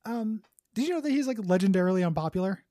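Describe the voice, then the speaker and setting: A man co-hosting a podcast in casual chat, blunt and jokey, quick to vent. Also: sits high, lively intonation, warm tone, no echo, clean studio sound. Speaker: podcast co-host.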